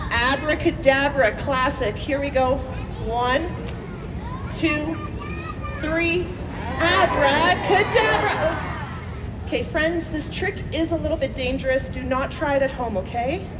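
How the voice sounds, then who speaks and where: A woman's voice: sits high, noisy background. A woman doing comedic street show patter like a playful kids' party magician, with joking asides, countdowns and prompts to the audience. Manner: joking, self-mocking asides. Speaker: street performer, hula hoop juggler. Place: outdoors at a street festival. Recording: outdoor street, loud music and crowd.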